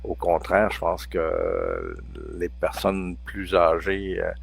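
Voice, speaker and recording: A man's voice: deep voice, sing-song, slow, vocal fry, breathy edge. A man in his sixties with a Quebec French accent, a researcher explaining natural sleep aids in a casual chat, hesitant with many restarts. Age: 60s. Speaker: guest pharmacology researcher.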